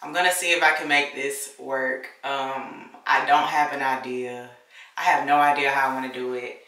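Woman, congested, laid-back chatty vlog talk, bright voice, echoey bathroom. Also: very deep voice, steady tone, moderate pace, far from the mic. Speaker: vlogger. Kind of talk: casual hair-care vlog chat. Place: home bathroom.

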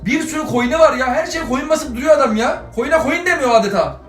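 A man's voice: extremely high pitch, animated, brisk, a bit bright. A man playing a stern, preachy middle-aged father who scolds his grown son in an exasperated, moralizing way. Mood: lecturing. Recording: echoey room, faint music behind.

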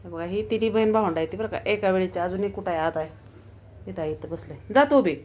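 A woman filming a casual home vlog, chatting to viewers and coaxing her pet cats in a fond, lively way. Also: fairly low pitch, fast talker.

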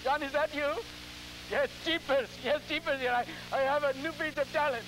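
A man playing a ghoulish, theatrical horror host, halting and repeating his words in a campy, scheming, cackling manner on an old television show. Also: very high-pitched, steady tone. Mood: scheming, nervous. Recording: noisy, humming vintage television recording.

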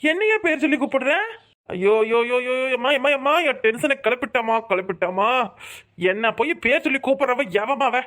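A whiny, dismissive cartoon husband, voiced by a woman, speaks quickly in a high, sharp voice. He brushes his wife off and sides with his mother. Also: close to an everyday voice.

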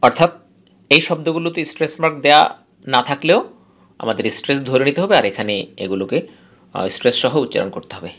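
A Bangladeshi man teaching a recorded phonetics lesson at a medium pitch. He explains patiently and reads the English rules aloud. He repeats the key terms as he goes. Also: animated, brisk, pauses often, fairly bright tone.

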